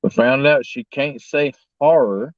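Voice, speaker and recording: Slow-talking folksy rural American man. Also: medium pitch, dry recording. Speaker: livestream host. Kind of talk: casual chat. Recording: dull lo-fi audio.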